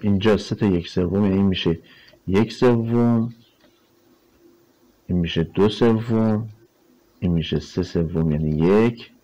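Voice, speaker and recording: Drawing on a board as he goes, a male math teacher explains a problem step by step in a recorded lecture. His fairly low voice has a relaxed, chatty feel, full of fillers, and he poses rhetorical questions he then answers. He pauses often, and the audio sounds dull.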